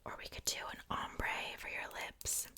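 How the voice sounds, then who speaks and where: A woman doing an ASMR whispered role-play as a makeup artist, speaking softly and intimately to the listener in an unvoiced, breathy whisper. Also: normal speed.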